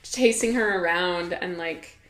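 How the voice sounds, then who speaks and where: A woman's voice: fairly low pitch, measured pace, fairly bright tone. A young woman hosting a podcast, chatting casually and giggling, with lots of filler words. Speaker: podcast host. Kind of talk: casual chat. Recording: echoey room.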